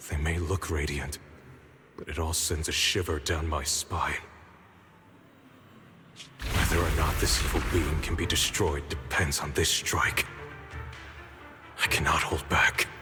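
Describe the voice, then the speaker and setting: A man's voice: extremely low pitch, flat delivery, measured pace, long pauses, pushed and bright, soft background music, full character voice. A man voicing a grim, vengeful, protective warrior in a video game, with an intense dramatic delivery. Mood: grim resolve. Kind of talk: scripted video game voice acting.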